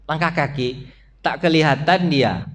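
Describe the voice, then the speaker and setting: A high-voiced man preaching to a mosque congregation, with an Indonesian accent and Malay-style phrasing. He keeps turning to the listeners with quick questions and acts out small sounds and voices. His delivery swings between loud, lifted peaks and low, quiet asides. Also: slight background noise. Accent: Indonesian with Malay-style colloquialisms. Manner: asks the congregation frequent questions, addressing them as "Pak". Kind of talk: mosque dawn study sermon. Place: mosque hall.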